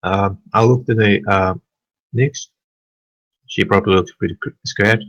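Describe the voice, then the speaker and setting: A man playing a tabletop role-playing game, speaking hesitantly with pauses and fillers. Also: fairly low pitch, fairly even intonation, a bit bright, no room sound, low-quality recording. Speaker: player.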